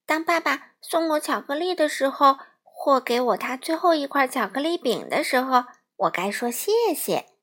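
Small three-year-old girl koala, eager and muddled, high childlike voice, voiced by a woman. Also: lively intonation, moderate pace. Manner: bright eager childlike speech.

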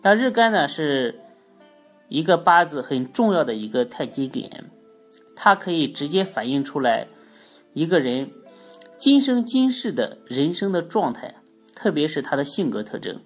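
Female lesson host, congested nasal voice from a cold, somewhat husky, faint music underneath. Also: sits low, very animated, normal speed. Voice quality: stuffy nose, congested nasal sound. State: has a cold. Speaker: teacher of Chinese astrology, hosting an audio programme. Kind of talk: spoken lesson, explanatory monologue.

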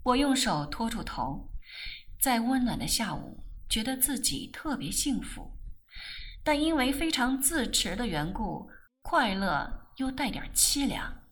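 A woman reading a novel aloud slowly and expressively as an audiobook narrator. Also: fairly high pitch, big pitch swings, fairly bright tone. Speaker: audiobook reader. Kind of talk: scripted narration.

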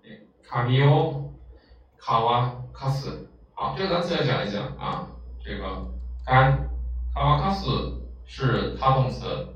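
A man's voice: medium pitch, fairly bright tone, slight background noise. A man teaching a vocabulary lesson, explaining patiently with many filler sounds. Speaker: Japanese language teacher. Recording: echoey, distant, dull lo-fi room.

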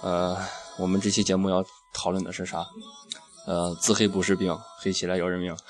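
A low-voiced man hosts a casual radio chat. He talks irreverently, with crude slang. Music plays softly behind him. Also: completely flat delivery, fairly quick. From Shaanxi, China. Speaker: radio show host. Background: background music.

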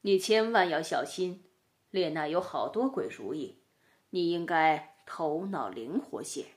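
A woman voicing a stately male lion king who speaks slowly and solemnly. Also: deep voice, animated, voice pushed down. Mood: commanding. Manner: solemn, slow and composed.

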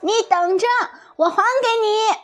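Nezha, as a woman puts him on, a shrill fierce boy. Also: sing-song, normal speed. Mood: fierce urgent. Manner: high, urgent and fierce. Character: brave hot-tempered young boy hero. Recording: soft music behind.

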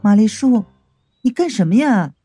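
A woman's voice: on the high side, lively intonation, moderate pace, warm tone, slightly rough, no echo, faint music behind, pitched above the performer's own voice. A man voicing a bashful female spirit in a comic ghost audiobook, coy and prim. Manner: coy, then matter-of-fact.

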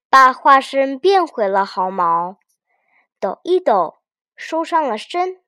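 Slow, gentle woman storyteller. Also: on the high side, no room sound, studio quality. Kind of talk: children's story narration.

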